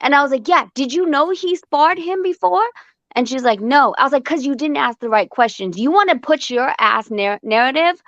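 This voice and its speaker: A woman's voice: sits high, animated, moderate pace, a bit bright, no echo. A woman who trains boxers, telling blunt, profane stories during a casual panel chat, with a muffled, dry sound. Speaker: boxing trainer.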